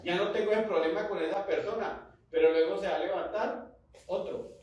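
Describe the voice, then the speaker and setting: A man's voice: high-pitched, steady tone, normal speed, darkish tone, lo-fi sound. A man pastor with a Colombian Spanish accent, preaching a sermon with rising fervor and call-and-response. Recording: echoey hall, voice from far off.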